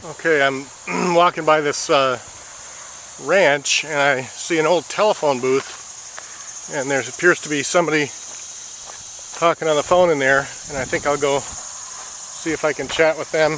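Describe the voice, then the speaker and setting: Walker, male, slightly high voice, casual diary, stop-start delivery, faint noise outside. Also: fairly even intonation, a bit bright. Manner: halting, with many "uh" fillers. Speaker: walker filming a fundraiser walk. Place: outdoors on rural roads.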